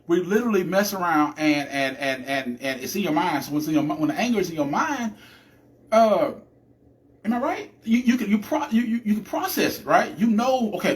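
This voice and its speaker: A man hosting a live podcast, talking through a chatty, animated monologue with a preacher-like cadence and lots of restarts. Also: high-pitched. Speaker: podcast host.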